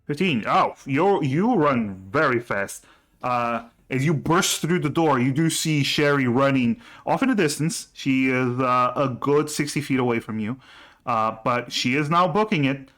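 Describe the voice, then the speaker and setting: A man acting as game master for a tabletop role-playing game, narrating and refereeing in a halting way, often repeating himself. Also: medium pitch, a bit bright.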